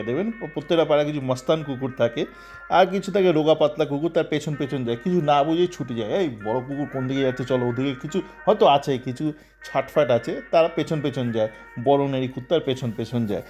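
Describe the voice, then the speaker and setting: A man's voice: fairly high pitch, a little mellow. A man giving a casual, sarcastic commentary on football, rambling with many fillers and acting out quotes in agitated voices.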